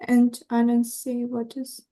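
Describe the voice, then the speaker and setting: Woman, student, unsure, mellow tone, slow, online class. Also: fairly high pitch, completely flat delivery. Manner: hesitant, unsure. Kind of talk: reading words aloud in class.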